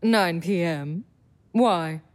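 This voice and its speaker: A woman's voice: on the low side, drawn-out words. A woman voicing a confident, protective female vampire sire with a wry, self-assured manner in an audio drama.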